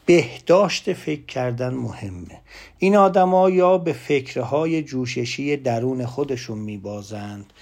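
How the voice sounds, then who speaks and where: A man giving a lively motivational talk, emphatic, swinging between loud asides and hushed whispered lines. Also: medium pitch, creaky. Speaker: motivational speaker.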